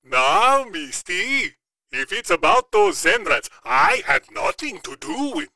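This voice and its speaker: A cautious, businesslike alien merchant from a storybook, as a male narrator puts him on. He talks slowly and deliberately in a high, bright, gravelly voice. The recording is dry and close. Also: huge pitch swings, no room sound, heavily acted, rough recording. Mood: wary.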